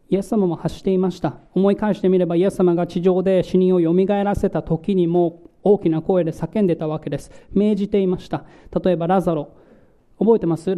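A man preaching a sermon, explaining scripture slowly and turning to the congregation with questions. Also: sits high, dark tone. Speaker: pastor.

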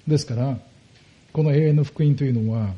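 A pastor preaching a sermon, explaining step by step and putting rhetorical questions to the congregation. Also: male voice, mid-range voice, fairly quick, lo-fi sound.

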